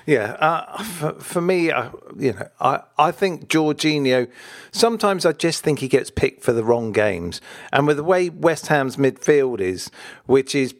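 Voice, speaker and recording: A man's voice: fairly high pitch, expressive, measured pace, gravelly. A man hosting a football podcast in a casual, conversational style.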